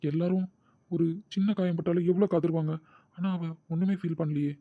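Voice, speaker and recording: A man's voice: fairly high pitch, steady tone, brisk, no room sound, narrow, tinny audio, natural voice. A man voicing a caring, protective older brother who coaxes and reassures his sister. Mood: brooding. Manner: coaxing, reassuring, brooding when alone.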